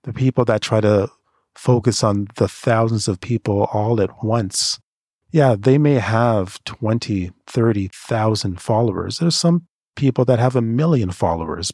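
Guy with a lowish voice giving earnest motivational advice to writers, slow emphatic words, dry close sound. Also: expressive, darkish tone, dry recording. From Canada. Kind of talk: motivational monologue.

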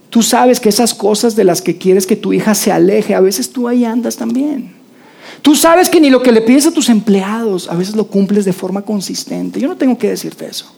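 Una predicadora con acento mexicano da un sermón en tono conversacional e imita las voces de los personajes bíblicos. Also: female voice, medium pitch, gravelly, warm tone, breathy edge. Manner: conversational, acts out voices of biblical figures. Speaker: preacher. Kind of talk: sermon.

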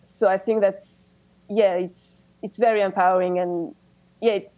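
In a rough recording with no echo, a French-accented woman, a native French speaker, talks as a guest about coaching in a casual interview. Her dark, steady mid-range voice comes out enthusiastic yet halting, full of restarts.

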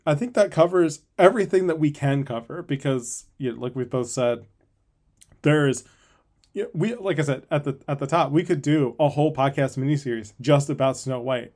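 A man's voice: medium pitch, a little mellow. A man co-hosting a podcast in casual chat, talking loosely with frequent restarts and laughs. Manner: hesitant, many restarts and fillers. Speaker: podcast co-host.

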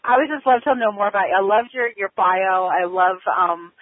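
An American woman hosts a podcast interview in a chatty, friendly style. Her pitch sits mid-range for a woman, and the sound is dry, with hardly any room around it. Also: a little fast, no echo, narrow, tinny audio. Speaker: podcast host.

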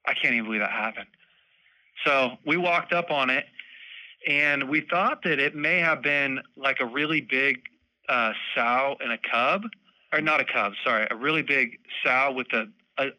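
A young man telling a story in a casual chat, animated, laughing often and acting out moments. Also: medium pitch, a little slow, dry recording, poor audio. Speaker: podcast guest, bowhunter.

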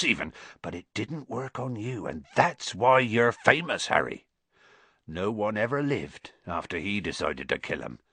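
A man voicing a huge, kindly, bearded giant who talks roughly with dropped grammar, read as an audiobook character. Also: lowish voice, bright, forceful tone, dry recording, exaggerated voice. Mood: solemn.

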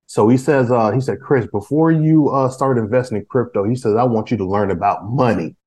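Speaking a touch quickly, a man in his forties chats as a podcast guest in a medium-pitched, slightly mellow voice. He wanders through his points, restarting frequently and peppering his talk with fillers and street slang.

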